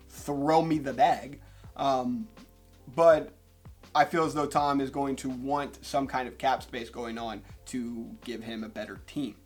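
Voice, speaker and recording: A young man hosting a casual sports vlog, joking and animated, swearing now and then. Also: medium pitch. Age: young adult. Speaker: sports vlogger.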